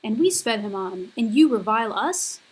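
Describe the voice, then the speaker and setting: A woman's voice: on the high side, animated, normal speed, slightly rough, poor audio. A woman voicing an accusing ancient avenging spirit. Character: wrathful ancient female spirit, leader of avengers.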